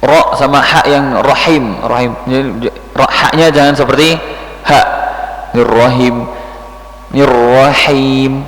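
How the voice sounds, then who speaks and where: A man's voice: medium pitch, fairly bright tone, a little hiss or hum. A man teaching Quran recitation, patiently correcting a student's pronunciation and chanting example verses. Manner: slow, patient, demonstrates sounds and chants verses. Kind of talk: tajwid correction lesson. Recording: echoey hall.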